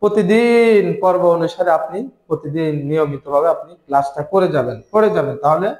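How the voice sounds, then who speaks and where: A man teaching Quran reading, patiently spelling out letters and syllables and repeating them slowly for learners. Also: a little high, a little mellow, reverberant, low-quality recording.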